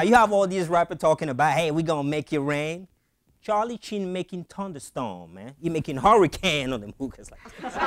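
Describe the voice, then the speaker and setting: A man's voice: a little high, no echo. A man hosting a late-night comedy show, delivering a monologue with slangy asides and laughing at his own jokes. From Africa.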